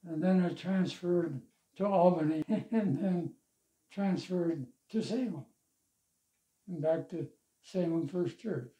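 Seated in his living-room armchair, an elderly interviewee whose voice sits high slowly recounts his life and his years in the church, with an occasional chuckle. It's a relaxed, reminiscing interview picked up on a lavalier mic, and the audio is roomy and a bit dull.

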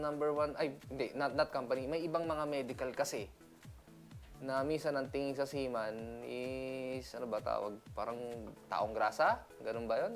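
A man from the Philippines, a seaman, talking casually in a chatty vlog, laughing often and mixing in English. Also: mid-range voice. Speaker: seaman vlogger.

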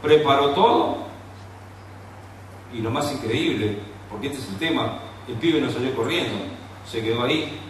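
A man preaching a sermon with a Rioplatense Argentine accent, moving between quiet storytelling and fervent, raised preaching. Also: mid-range voice, normal speed, pauses often, slight background noise. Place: church hall. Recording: echoey church hall, distant mic.

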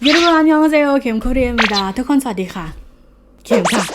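A chatty young woman teaches a relaxed online language lesson, talking straight to her viewers and calling herself by name. Her pitch sits in the everyday middle for a woman. Clear background music plays under her voice.

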